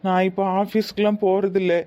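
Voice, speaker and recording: A woman voicing an elderly, mildly stern father-in-law with a Tirunelveli Tamil accent in a cartoon, speaking slowly and in a measured way. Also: mid-range voice, flat delivery, muffled recording, natural voice. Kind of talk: cartoon voice acting.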